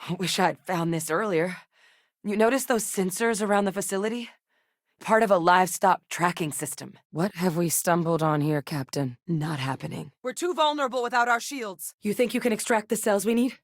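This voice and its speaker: In a sci-fi video game, a guarded, principled woman scientist speaks with urgency. Her low voice is measured and earnest, carrying a wry edge. The recording is very dry and close.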